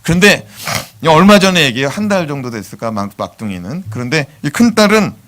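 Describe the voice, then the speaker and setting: A middle-aged man, a pastor, preaching a sermon in a church with emotive swings from soft to loud. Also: on the high side, very animated, a little fast. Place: church sanctuary.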